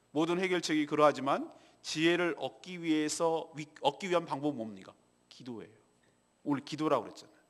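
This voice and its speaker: Lively high-voiced middle-aged male preacher. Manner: swings between loud emphatic preaching and quiet low asides; acts out quoted prayers and dialogue. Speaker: pastor. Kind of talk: Wednesday evening sermon. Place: church service.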